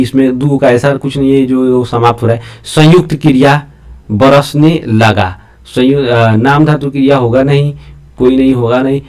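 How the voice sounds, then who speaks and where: A man teaching a grammar lesson, repeating key terms and asking his students rhetorical check questions. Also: medium pitch. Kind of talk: classroom-style lesson.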